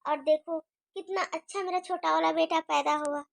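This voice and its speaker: A woman's voice: very high voice, fairly even intonation, normal speed, gravelly, no room sound, clean studio sound, exaggerated voice. A woman voicing a fond, worried older mother-in-law in a cartoon story, fussy and chatty.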